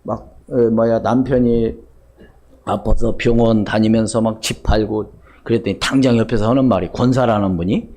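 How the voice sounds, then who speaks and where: A man's voice: lowish voice, steady tone, moderate pace, dark tone. A man preaching a sermon as pastor, firing questions at the congregation and answering them himself with emphatic, rising repetition. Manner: call-and-response questioning, emphatic.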